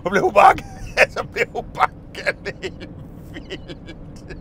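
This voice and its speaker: A man's voice: high-pitched, wildly swooping pitch, creaky, fairly bright tone, a little hiss or hum. A man vlogging, casually telling childhood stories, rambling with restarts, swearing and laughing often. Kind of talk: casual storytelling of childhood memories.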